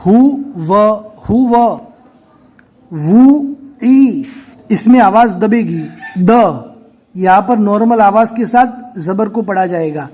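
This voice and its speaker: A Quran reading teacher with a medium-pitched, somewhat dark voice gives a recorded step-by-step lesson, explaining patiently and then sounding out syllables one at a time.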